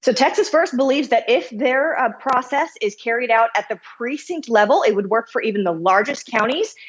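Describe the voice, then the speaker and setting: Upbeat female news correspondent, high voice. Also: lively intonation, moderate pace, dull audio. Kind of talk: scripted news report.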